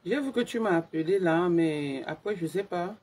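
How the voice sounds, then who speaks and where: A woman hosting a casual live stream on her phone, talking quietly and in a hushed way. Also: lowish voice, animated, moderate pace, a little hiss or hum.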